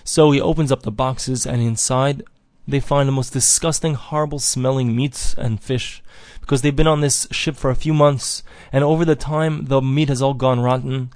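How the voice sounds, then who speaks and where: A man's voice: mid-range voice, steady tone, normal speed, hardly any pauses, a little mellow, dry recording. Male teacher telling a parable, dry close mic. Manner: repeats and restarts as he tells it. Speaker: teacher of a daily Torah lesson. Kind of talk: parable storytelling.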